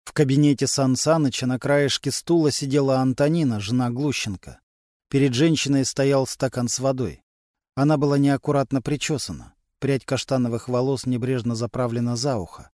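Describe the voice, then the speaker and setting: A man narrating a crime novel as an audiobook, in an even, unhurried storytelling manner. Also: mid-range voice, dry recording, clean studio sound. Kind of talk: scripted narration.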